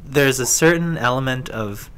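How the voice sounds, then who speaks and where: A man's voice: mid-range voice, normal speed, crowd noise. A man speaking as a guest in a casual, improvised way, often searching for his words. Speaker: guest pitching game ideas. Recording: clear background noise.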